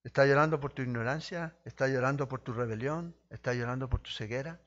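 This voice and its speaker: Impassioned male preacher, slightly muffled. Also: a little fast. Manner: impassioned preaching, rising to emphatic peaks then dropping low; speaks directly to listeners with rhetorical questions. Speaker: pastor. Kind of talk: sermon.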